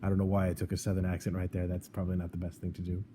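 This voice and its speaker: A man with a low, mellow, dark voice holds forth in casual podcast talk. He argues his points with sarcasm and often stumbles and restarts mid-sentence. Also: completely flat delivery, very fast, slight background noise. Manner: sarcastic, argumentative, frequent restarts. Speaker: podcast co-host. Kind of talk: opinionated casual chat.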